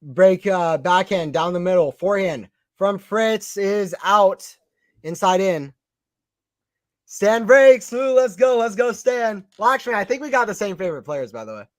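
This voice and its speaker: A man's voice: high-pitched, no echo, studio quality. A young man doing casual live tennis play-by-play, chatting with viewers and reading the chat aloud. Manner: chatty, reads chat aloud, quick excited calls. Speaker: live stream commentator.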